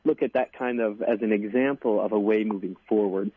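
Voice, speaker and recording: A man's voice: fairly low pitch, steady tone, a little fast, breathy edge, no room sound. A young American man in his twenties, a deacon being interviewed, speaking earnestly with many fillers and restarts. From United States. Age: 20s. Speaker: deacon, guest. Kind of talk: interview on radio. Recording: dry tinny phone line.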